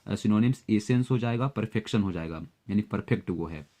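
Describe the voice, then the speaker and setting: A man teaching exam vocabulary, explaining words and memory tricks at a steady pace with frequent fillers. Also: fairly low pitch, fairly quick. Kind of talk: Hindi-English vocabulary lesson with memory tricks.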